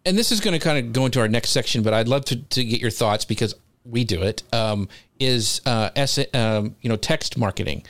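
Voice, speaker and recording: A man's voice: medium pitch, animated, fairly quick, fairly bright tone. A man hosting a casual live show, asking meandering, informal questions with a self-deprecating streak. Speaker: interviewer, show host.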